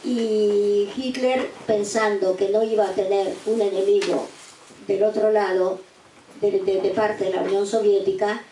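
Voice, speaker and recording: A woman in her eighties from eastern Poland, giving her testimony to students slowly and deliberately, often restarting her words. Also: mid-range voice, steady tone, mellow. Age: 80s. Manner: slow, deliberate, with repeated restarts. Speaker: guest speaker giving survivor testimony. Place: university auditorium. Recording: echoey room, distant mic, faint noise.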